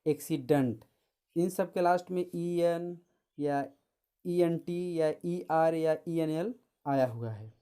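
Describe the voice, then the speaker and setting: Woman, English tutor, lowish mellow voice, slow deliberate spelling-out. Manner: slow, deliberate spelling out of letters and example words. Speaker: English teacher. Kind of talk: explanatory spoken lesson.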